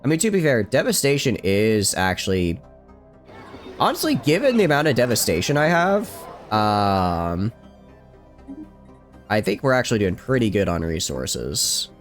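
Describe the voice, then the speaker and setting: A man with a fairly low voice commentates a strategy game at home, keeping his voice down late at night. His delivery rambles and turns to self-mocking jokes, and his pitch swings widely as he talks. Soft game music plays faintly behind him. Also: very animated, normal speed. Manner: speaks quietly, rambling and self-joking. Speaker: streamer. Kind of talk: casual gameplay commentary.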